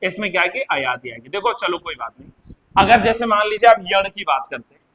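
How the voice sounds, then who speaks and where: A man's voice: high voice, lively intonation, brisk, pushed and bright. A man with an Uttarakhand Hindi accent teaching a live exam-prep class, explaining by repeating words and asking his students questions.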